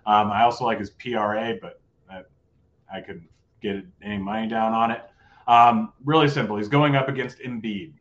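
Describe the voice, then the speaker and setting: A man's voice: on the low side, steady tone, a bit bright. Casual male betting-show host, lo-fi sound. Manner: casual, joking, quick rundown of picks. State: voice going hoarse. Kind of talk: live betting show chat.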